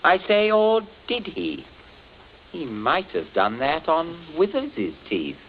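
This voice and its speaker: Sly, mocking gentleman captain. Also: on the high side, huge pitch swings, slow pace, full character voice. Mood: sardonic. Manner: dry, sardonic, toying. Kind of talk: 1940s radio acting. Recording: dull old radio recording with faint hiss.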